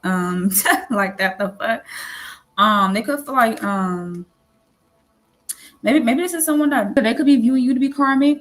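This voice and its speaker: A woman giving a casual tarot reading, rambling and repeating herself, with lots of fillers and the odd casual swear. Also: fairly high pitch. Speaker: tarot reader.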